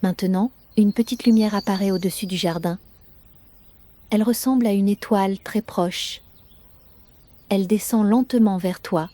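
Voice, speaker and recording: A woman narrates a guided bedtime sleep story in a soft, gentle, soothing manner, unhurried and with long pauses. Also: mid-range voice.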